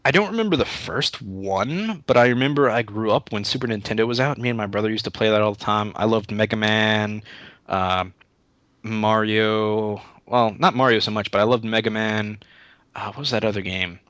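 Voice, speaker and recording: A man's voice: lowish voice, brisk, a bit bright, dry recording. A young man answering interview questions in a casual, rambling way, often restarting his sentences. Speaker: YouTube Let's Play creator, interview guest.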